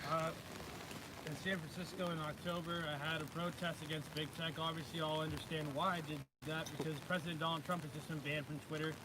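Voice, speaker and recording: A man's voice: fairly high pitch, level tone, quick pace. A man missing his two front teeth speaking out at a protest, confrontational and repetitive, in an impassioned street-speech style. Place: outdoors at a state capitol protest. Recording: very noisy outdoor street recording.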